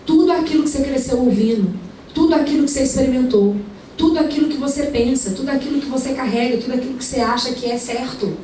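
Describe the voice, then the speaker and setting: High-voiced woman preaching in an echoey hall. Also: fast talker. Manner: conversational, rhetorical questions, lively retelling. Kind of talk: sermon with storytelling. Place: large indoor event hall. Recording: echoey hall, mic far away, faint room noise.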